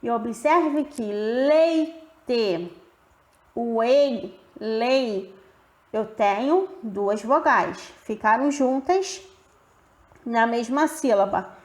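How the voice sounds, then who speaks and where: A woman gives a grammar lesson in a high, clear voice. She talks slowly and stretches out the example words. The room around her rings with echo. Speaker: teacher. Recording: roomy echo.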